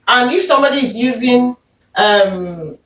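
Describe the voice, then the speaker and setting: A woman's voice: a little high, animated, measured pace, a bit bright. A woman with a Nigerian accent hosting a casual group discussion, speaking earnestly with frequent fillers. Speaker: host. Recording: echoey room, distant mic, faint noise.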